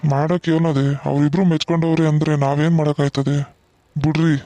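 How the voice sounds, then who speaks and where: A woman voicing a calm, resigned elderly village man. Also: deep voice, a little fast, no room sound, pitched below the performer's own voice, natural voice. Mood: weary.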